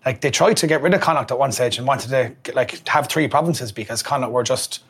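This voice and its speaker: A man's voice: mid-range voice, fairly quick, a bit bright, breathy edge. An Irish man hosting a rugby show, chatting casually in a rambling, enthusiastic way. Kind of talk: casual sports chat.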